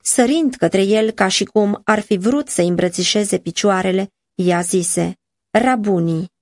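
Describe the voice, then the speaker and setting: A woman's voice: medium pitch, a little mellow, no room sound, studio quality. Earnest woman reading a devotional audiobook. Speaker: audiobook narrator.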